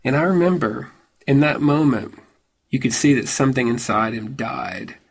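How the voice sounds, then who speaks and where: A man's voice: medium pitch, normal speed, vocal fry, husky. A man in his thirties performing a personal story in a wry, conversational way, full of casual fillers.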